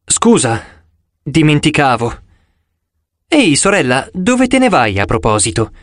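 A man's voice: a little high, sing-song, a little slow, a bit bright, dry recording, studio quality. A man reading an audiobook, voicing a boastful, carefree male sun god with a breezy, teasing manner.

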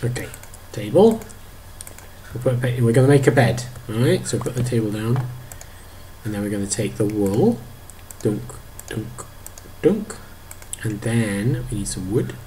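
A man in his thirties narrating a video game to his toddler, animated, exclaiming and making playful sound effects. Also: fairly low pitch, measured pace, a little hiss or hum. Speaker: parent playing a video game.

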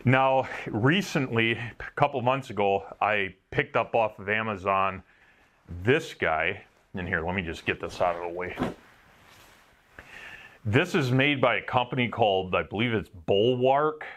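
Unhurried and fairly bright-toned, with a lowish voice, a Wisconsin welder rambles through a casual review of his work equipment. He's offhand and self-deprecating, swearing here and there.

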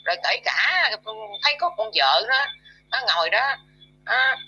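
A woman's voice: on the high side, sing-song, measured pace, sharp tone, slight background noise. A woman with a Southern Vietnamese accent delivering an angry, scolding rant to her audience, full of fillers and insults. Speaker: YouTube commentator. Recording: dull lo-fi audio.

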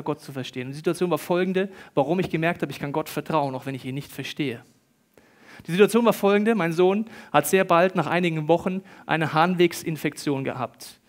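A male pastor delivers a sermon in an animated storytelling style. His somewhat high voice jumps from loud, excited bursts to hushed, quiet lines as he acts out the people he quotes.

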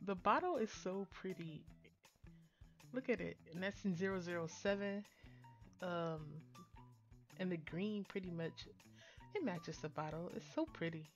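A woman's voice: fairly low pitch, unhurried, long pauses, faint music behind. A woman narrating her nail art tutorial in a casual, chatty voice-over that rambles with fillers and restarts.

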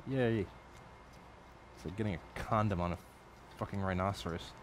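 Man, lowish voice, casual workbench talk, rambling, profane, late-night home build, faint background hiss. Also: normal speed. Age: adult. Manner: rambling, profane, self-correcting. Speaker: electronics hobbyist streamer.

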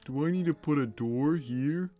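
A performer, a man, voicing a large, gentle, simple-minded cartoon cat chatting easily while playing a game. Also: a little high, normal speed, lo-fi sound, faint music behind, close to an everyday voice. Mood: innocent. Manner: simple, easygoing, innocent. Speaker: livestream co-host playing a game. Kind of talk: in-character casual game chat.

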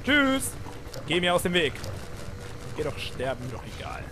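A man giving casual let's play commentary on a shooter game, excitable and quick to panic. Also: fairly high pitch. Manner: excitable, panicky yelps and nervous laughs. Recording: game gunfire and noise under voice.

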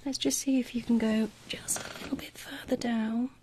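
A woman whispering an eye-exam ASMR roleplay in a soft, gently encouraging, deliberate manner with dry playful humor. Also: on the high side, fairly even intonation, slight background noise. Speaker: ASMR creator playing an eye examiner.

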